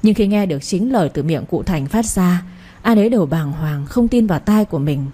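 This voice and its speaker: A woman narrates an audio story at an even pace. Her voice is mellow and soft. There is a breathy edge to it. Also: lowish voice, fairly quick.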